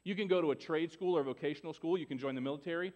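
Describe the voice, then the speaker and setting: A man's voice: on the high side, rapid-fire, muffled recording. A pastor in his forties giving a sermon in church, conversational, often asking "right?" and restarting his sentences. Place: church sanctuary.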